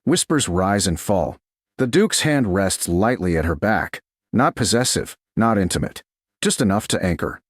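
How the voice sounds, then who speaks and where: In a deliberate, measured manner, a low-voiced man narrates a scripted romance story, his pitch moving expressively across short, dramatic phrases. The recording is close and dry, with no room sound.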